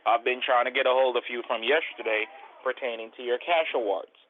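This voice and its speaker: A man with English as a second language, making a fast, well-spoken scripted sales pitch over a landline phone. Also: a little hiss or hum. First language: not English. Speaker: scam caller. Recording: tinny phone line.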